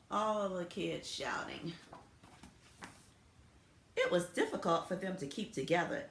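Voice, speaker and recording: A woman principal reading a picture book aloud to children, with expressive storytelling. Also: lowish voice, a little hiss or hum. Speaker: school principal. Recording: echoey room.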